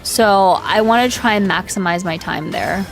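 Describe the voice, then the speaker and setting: A woman's voice: mid-range voice, moderate pace, rough recording. Casual, slangy woman streamer over music. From China. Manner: slangy, sweary, candid. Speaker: livestreamer. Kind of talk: casual livestream chat while gaming. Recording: music playing behind voice.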